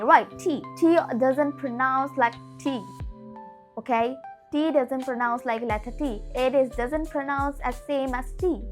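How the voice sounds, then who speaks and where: A young woman giving an informal pronunciation lesson, repeating example words slowly and often checking that the listener follows. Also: high voice. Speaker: English pronunciation teacher.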